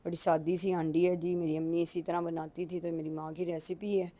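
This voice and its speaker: Chatty Punjabi-accented woman, warm voice. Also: on the low side, flat delivery, fairly quick. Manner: chatty, folksy, addresses viewers politely. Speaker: home cook. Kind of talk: casual cooking vlog.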